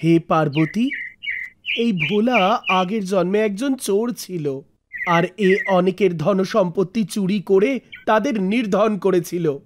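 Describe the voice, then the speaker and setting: A man's voice: high-pitched, slow, background noise. A man voicing solemn, all-knowing god Shiva. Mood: solemn explaining. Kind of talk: animated mythological story dialogue. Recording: music under the voice.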